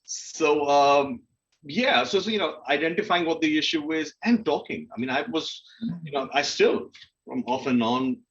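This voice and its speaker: A man with a fairly high, fairly bright voice speaks at a moderate pace, though the recording's highs are cut off. On the panel he chats informally and honestly about his life, turning to self-questioning and acting out his internal thoughts.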